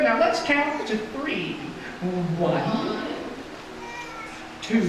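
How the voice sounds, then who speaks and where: Far from the mic in an echoey room, with loud music and background noise, a kids' party magician hosts a live children's show in a mid-range voice. He keeps up entertainer's patter, walking the audience through simple steps and coaching a child volunteer one step at a time.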